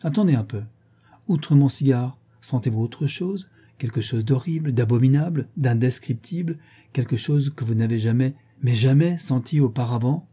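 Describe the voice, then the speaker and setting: A man voicing an effusive, teasing French theatre director in a storybook reading, pitched above his narrating voice. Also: normal speed, warm tone, breathy edge, lightly acted. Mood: jovial. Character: jovial, talkative middle-aged French theatre director.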